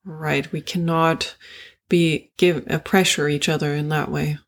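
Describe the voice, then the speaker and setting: A woman who grew up in Germany, co-hosting a casual book discussion in a soft-spoken, thoughtful way. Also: low-pitched, level tone, a little slow. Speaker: podcast co-host.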